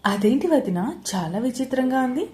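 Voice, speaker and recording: A woman voicing Akshara, a lively young wife who fires off cheeky, indignant exclamations. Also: high-pitched, normal speed.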